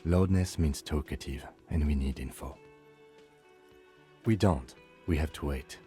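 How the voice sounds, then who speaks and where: Calm precise cop lieutenant, dark low voice. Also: male voice, a little slow, faint music behind. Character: calm, methodical male police lieutenant. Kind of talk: game voice acting.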